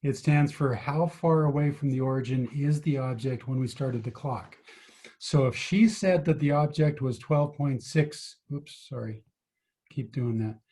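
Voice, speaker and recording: Guy tutoring physics on a video call, warm mellow tone, walks through it step by step. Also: mid-range voice, unhurried. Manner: patient, explains step by step, asks students questions. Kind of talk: online tutoring lesson.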